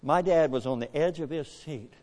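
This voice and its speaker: Animated older preacher in echoey church. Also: male voice, normal speed. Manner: animated, swings from hushed to booming. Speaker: pastor. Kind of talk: storytelling sermon.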